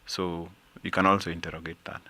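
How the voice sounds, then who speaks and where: Brief: male reporter, very low voice, clear and bright, calm guest. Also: brisk, a little hiss or hum. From Kenya. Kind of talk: interview answers.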